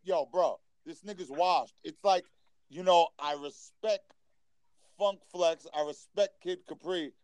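Guy on a podcast, kinda high voice, asks questions and cusses, dry sound. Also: darkish tone, no echo. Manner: quick interjections, questioning, profane. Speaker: podcast co-host. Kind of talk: casual chat.

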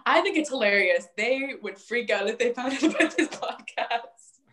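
A young woman casually telling a long story as a podcast guest, talking in an animated way and acting out the people she quotes. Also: on the high side, a little slow, slight background noise. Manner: animated, filler-heavy, acts out quoted voices.

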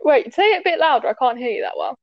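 A woman's voice: high voice, very animated, fast talker, dry recording, muffled recording. A woman guest on a casual podcast, self-deprecating and giggly. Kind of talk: casual chat.

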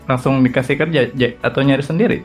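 Deep-voiced woman asking short questions. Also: fast talker, darkish tone, soft background music. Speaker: interviewer. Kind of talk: casual interview questions.

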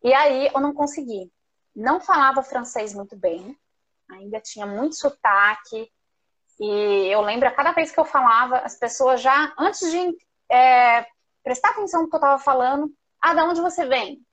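A woman with a Brazilian Portuguese accent appears as a guest in a live online interview over a remote video call, telling personal stories. Her voice sits high, she speaks at normal speed, and she is talkative, expressive, and conversational.

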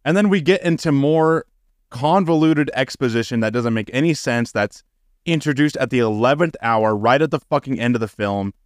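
Male podcast co-host, mid-pitch, dry close mic, profane and ranting when worked up. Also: animated, normal speed, dry recording. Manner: profane, ranting, gets loud and high when exasperated. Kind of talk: casual podcast chat.

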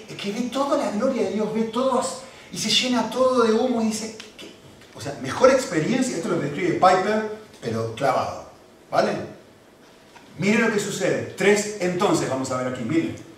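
A man preaching a sermon in an animated, emphatic way, repeating phrases for emphasis. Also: high voice, moderate pace. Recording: echoey room from far off, faint background noise.

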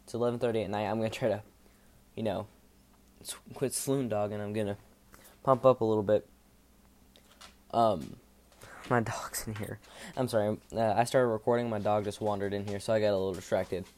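A man speaking in a monotone, giving a casual devotional podcast talk in an informal, rambling way with halting self-corrections. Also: lowish voice.

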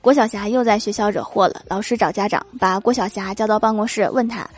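A young woman host reading funny anecdotes as comic narration, with lively storytelling that acts out the quoted lines. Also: mid-range voice, a little fast. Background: background music.

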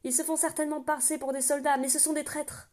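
A woman voicing a hot-tempered young male soldier who shouts in an audiobook. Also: high-pitched, little pitch movement, fast talker, voice pushed up, lightly acted. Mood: angry. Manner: shouting, aggressive.

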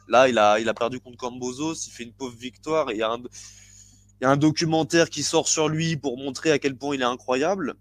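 A man co-hosting a podcast, chatting casually and haltingly with frequent restarts and fillers. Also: mid-range voice, fairly even intonation. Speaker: podcast co-host. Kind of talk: casual chat about boxing.

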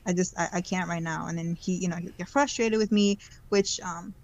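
A woman's voice: fairly low pitch, steady tone, fairly quick, dull audio. A woman in her twenties, a podcast guest, speaking reflectively and hesitantly, with many ums and restarts. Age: 20s. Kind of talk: casual conversational interview.

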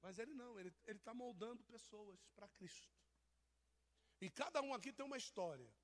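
A man's voice: high-pitched, expressive, fairly quick, fairly bright tone. A man preaching, teasing and joking with people in his congregation. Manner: teasing, jokey, addresses people in the pews. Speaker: pastor. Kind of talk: informal sermon to a congregation.

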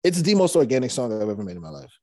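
Rapid-fire and a bit creaky, his mid-range voice comes through clean studio sound without any room echo. He's a young rapper guest in a casual storytelling interview, relaxed and meandering, often restarting and leaning on fillers.

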